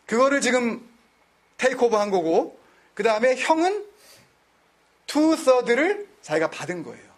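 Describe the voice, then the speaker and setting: In a very high, sing-song voice, this man teaches a Bible study at a moderate pace, pausing often. His style is conversational, sprinkled with English words, and he constantly quizzes the group, drawing answers out of them.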